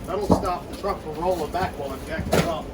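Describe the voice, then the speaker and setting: A man talks through his truck project in a loose, rambling way, full of ums and asides. His voice sits a bit high for a man. The camera mic picks up plenty of wind and outdoor noise around him. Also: fast talker. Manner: relaxed, rambling with fillers. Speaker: car builder vlogger. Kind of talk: casual shop vlog. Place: outdoors in wind and in a garage shop. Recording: noisy outdoor wind and traffic.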